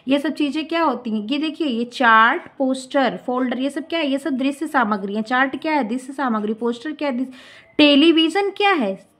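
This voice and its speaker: A woman's voice: high-pitched, expressive, a little fast, a bit bright. A young woman teacher lecturing on education. She reads through points, explains them with English terms and keeps asking rhetorical questions. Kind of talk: classroom lecture explaining notes.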